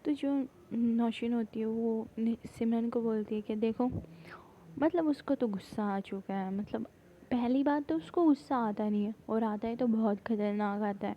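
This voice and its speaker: A woman casually retelling a drama plot, rambling with many fillers and halting restarts. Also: on the high side, fairly even intonation, lo-fi sound, slight background noise. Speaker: storyteller recapping a drama plot.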